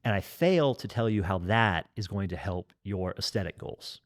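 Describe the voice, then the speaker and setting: A man's voice: low voice, expressive, normal speed. A man in his forties with a nasal voice, a fitness educator chatting at length on a podcast and explaining everything in detail. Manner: talkative, over-explaining, joking. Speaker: kettlebell trainer and fitness educator. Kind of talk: casual podcast conversation.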